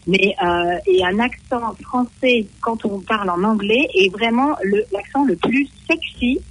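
A woman's voice: on the high side, measured pace, slight background noise, low-quality recording. A middle-aged woman from France, living abroad, talking casually with many fillers and restarts. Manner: chatty, hesitant, frequent fillers and restarts. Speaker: French woman living in New Zealand. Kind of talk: casual conversation.

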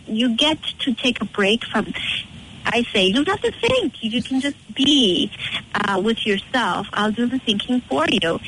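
A woman's voice: mid-range voice, fairly bright tone, slight background noise, rough recording. A woman from the west of Ireland with an Irish accent, talking reflectively and earnestly as an interview guest, with an encouraging manner. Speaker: retreat leader and interview guest. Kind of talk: conversational interview, reflective advice.

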